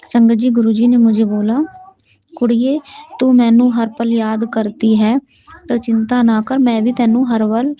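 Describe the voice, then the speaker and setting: A woman from Delhi sharing a devotional testimony with the congregation, chanting mantras and speaking in halting sentences with many restarts. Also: a little high, warm tone, low-quality recording.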